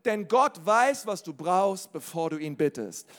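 High-voiced man preaching with punchy energy. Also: animated, measured pace, big-room sound. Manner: casual and direct, often asks the crowd "okay?"; swings between loud calls and quiet, low asides. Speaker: pastor. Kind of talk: lively sermon to a congregation. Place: hall with a live congregation.

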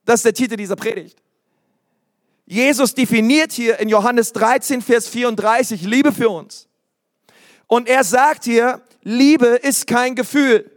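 A man preaching a sermon in an animated, emphatic way, with sudden loud exclamations. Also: very high-pitched, unhurried, dry recording, clean studio sound.

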